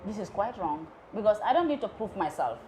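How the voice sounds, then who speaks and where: A Gambian electrical engineer, appearing as a guest on a live TV interview, speaks with a medium-pitched, dark-toned voice that is very animated and brisk. She is earnest and emphatic, slipping local words into her English. The low-quality recording has slight background noise.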